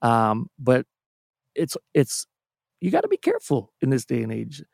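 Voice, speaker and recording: A Canadian music producer guesting on a casual podcast tells long, self-deprecating anecdotes, restarting often. His mid-range voice is gravelly and a little mellow, with wildly swooping pitch at a moderate pace. The recording is dry and studio quality.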